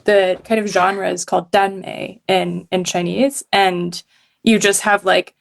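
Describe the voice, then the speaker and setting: A woman's voice: medium pitch, flat delivery, a little slow, creaky. A woman from Hong Kong, a journalist guesting on a podcast, talking casually with lots of fillers and frequent laughs. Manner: chatty, many fillers, laughs often.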